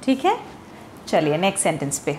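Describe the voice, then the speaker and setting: A woman with an Indian accent teaching English pronunciation, explaining slowly and quizzing the viewer. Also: fairly low pitch, huge pitch swings, darkish tone, slight background noise. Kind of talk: Hindi-language pronunciation lesson.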